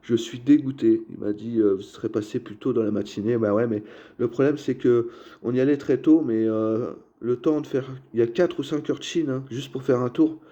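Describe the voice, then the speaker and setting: A man's voice: mid-range voice, normal speed, warm tone, dull audio. A man casually showing and describing his flea-market toy car finds to viewers, chatty and full of fillers. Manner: chatty, filler-heavy, addresses viewers as "les gars". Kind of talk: casual show-and-tell vlog.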